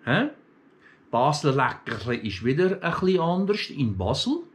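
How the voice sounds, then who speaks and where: A man's voice: fairly high pitch, sing-song, unhurried. A middle-aged man with a Swiss German accent from Aargau, chatting casually to his followers and telling stories with many fillers and restarts. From Switzerland, grew up in Aargau. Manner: chatty, storytelling, many fillers and restarts, mimics other dialects. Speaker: vlogger. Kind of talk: casual rambling monologue.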